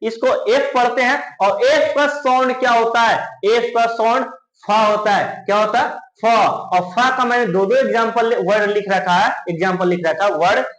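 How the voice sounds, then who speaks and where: A man's voice: very high voice, moderate pace, hardly any pauses, a bit bright, reverberant, poor audio. A male teacher from India, giving a pronunciation lesson in Hindi and quizzing his students with repeated questions. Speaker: English teacher.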